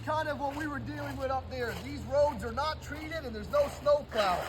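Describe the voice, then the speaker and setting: A man's voice: very high voice, moderate pace. A man narrating his vlog casually, with informal, colloquial phrasing. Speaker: vlogger. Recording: faint ambient vehicle noise. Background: faint ambience, vehicle sounds.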